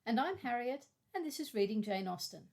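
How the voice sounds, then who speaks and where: A woman co-hosting a literary discussion podcast, summarizing chapters in a brisk, matter-of-fact way. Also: a little high, sing-song, a little mellow. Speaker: podcast co-host.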